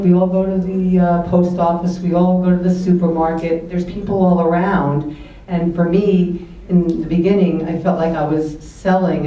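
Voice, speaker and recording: A woman on a panel talking earnestly and reflectively about meeting people. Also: on the low side. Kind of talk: panel discussion talk. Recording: dull, very echoey hall from far off.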